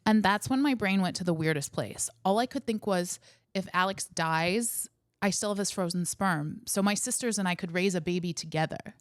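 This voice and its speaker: A woman co-hosting a podcast, recounting events with wry, animated storytelling. Her voice sits at a middle pitch. The sound is dry and close, with no room echo. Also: normal speed. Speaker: podcast co-host.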